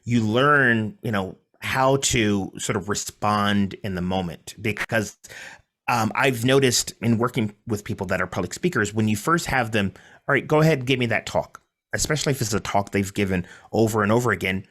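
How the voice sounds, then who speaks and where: A man on a podcast panel sharing his experience training public speakers in a relaxed, conversational way. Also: on the low side, normal speed. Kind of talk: panel discussion.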